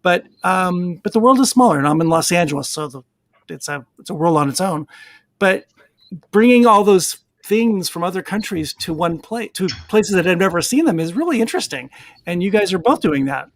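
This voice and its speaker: A man's voice: high voice, animated, fairly quick, dry recording. A man hosting a casual live online chat, asking rambling questions that he corrects as he goes. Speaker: show host.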